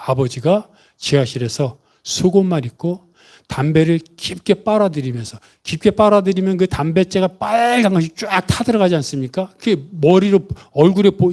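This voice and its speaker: A male pastor telling a story in a sermon, rising into dramatic bursts and slowing for weight. His voice sits a touch high but sounds warm and mellow. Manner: dramatic retelling with vivid pauses and emotional rises.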